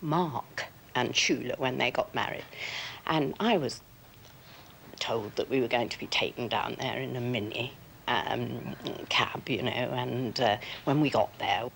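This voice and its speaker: A woman's voice: a bass voice, a little slow, slight background noise. A woman, an actress, chatting through an anecdote with many asides. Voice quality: chatty, gravelly. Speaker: actress interviewee. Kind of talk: casual anecdote.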